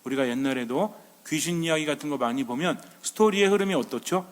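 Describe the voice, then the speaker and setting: Male priest, sermon, talks casually, asks questions, somewhat high voice, long reverb. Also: fairly quick. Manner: conversational, asks the audience rhetorical questions.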